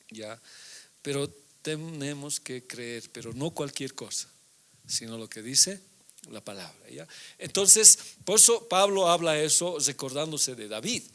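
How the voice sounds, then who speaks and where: A man's voice: on the high side, fairly bright tone. A middle-aged male pastor giving a conversational sermon, often checking in with his listeners through short tag questions.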